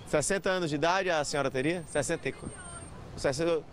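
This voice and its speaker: A man's voice: fairly high pitch, brisk. A man giving an urgent live news report from a city avenue, questioning witnesses. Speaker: street reporter. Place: busy city avenue outdoors. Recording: street traffic noise behind.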